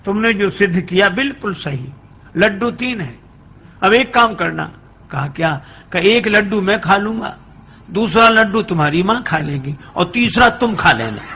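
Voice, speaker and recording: A man's voice: sits high, expressive, moderate pace, bright, forceful tone. A man preaching a humorous storytelling sermon, acting out the dialogue of the characters as he goes. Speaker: religious preacher. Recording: echoey hall with faint ambience.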